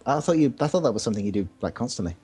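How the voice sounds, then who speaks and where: Fast-talking man, dry teasing. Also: mid-range voice, animated, dark tone, husky. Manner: dry, teasing, quick talker. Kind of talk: casual chat on a game stream.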